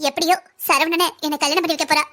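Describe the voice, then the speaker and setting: A woman's voice: very high voice, steady tone, quick pace, fairly bright tone. A woman voicing a scheming, manipulative young woman in a cartoon, wheedling and threatening by turns. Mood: gloating. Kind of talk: cartoon voice acting.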